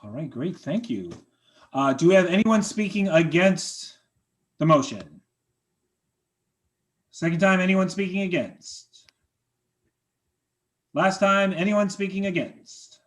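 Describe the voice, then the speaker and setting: A man chairing a members' meeting over a video call, running motions and votes in a brisk, polite, procedural way. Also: sits high, animated.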